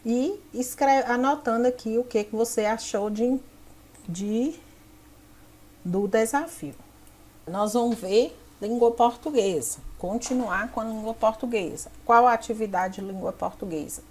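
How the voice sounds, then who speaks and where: A woman teacher from Brazil with a slightly high voice walks young pupils through a workbook. She explains each task patiently, step by step, pointing things out on the page as she goes. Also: measured pace, a little mellow. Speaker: primary school teacher. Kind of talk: explaining textbook activities to children.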